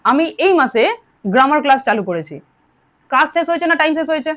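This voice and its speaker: Lively high-voiced woman teaching grammar. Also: quick pace. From Bengal. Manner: drills students, asks them to answer aloud. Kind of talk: classroom lesson.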